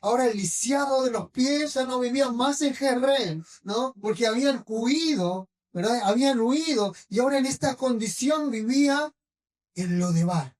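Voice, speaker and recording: A woman's voice: on the high side, lively intonation, a little mellow. A woman preacher with a Rioplatense accent, retelling scripture in a sermon and often checking in with her listeners through short questions. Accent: Rioplatense Spanish. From Argentina. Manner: checks in with the congregation with frequent tag questions; retells scripture slowly, with pauses and fillers. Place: church hall. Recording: voice from a distance.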